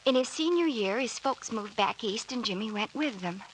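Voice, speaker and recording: Her voice a little high and expressive, an actress at normal speed sounds close to everyday speech as she portrays a hesitant, earnest young woman politely telling her story. The old radio drama recording is noisy.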